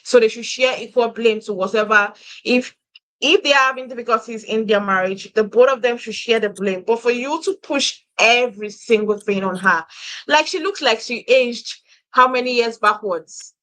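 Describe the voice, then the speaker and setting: Woman, high-ish voice, earnest, casual panel discussion. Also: normal speed, a bit bright, poor audio. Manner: earnest, reasoning aloud with repetitions. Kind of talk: casual reality TV review chat.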